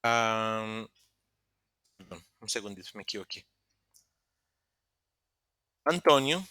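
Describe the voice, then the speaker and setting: A man's voice: mid-range voice, sharp tone, dry recording, studio quality. Patient man teaching an online class. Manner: patient, explains step by step with pauses and self-corrections. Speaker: English teacher. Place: online meeting room.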